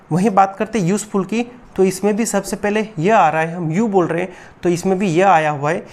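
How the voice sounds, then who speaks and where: A woman's voice: lowish voice, darkish tone. Patient woman teaching grammar. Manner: keeps asking rhetorical questions, calls students "beta"; patient, slow repetition of each rule. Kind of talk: classroom grammar lesson.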